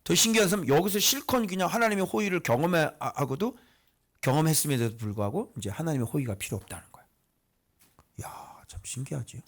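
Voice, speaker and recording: A male pastor delivering a casual, conversational sermon. His voice sits slightly high and swings widely in pitch as he teases his listeners with rhetorical questions. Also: expressive, fast talker. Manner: teasing, rhetorical questions to the congregation.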